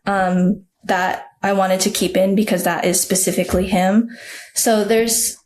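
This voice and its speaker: Woman, young adult, book author, podcast guest, chatty, reflective, mid-pitched voice. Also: fairly even intonation, a little slow, darkish tone. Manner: chatty and reflective, many fillers. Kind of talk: podcast interview.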